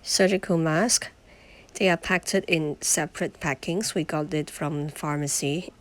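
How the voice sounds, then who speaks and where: A woman, hoarse from illness, plainly explaining and demonstrating items for a home video. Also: low voice, fairly even intonation, measured pace. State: hoarse sick voice. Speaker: vlogger.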